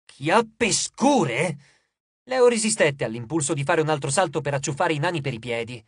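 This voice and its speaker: A male audiobook narrator with a high voice that swings lively across each sentence. He tells the story with expressive energy. The recording is close and dry. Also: fast talker, slightly rough, no room sound.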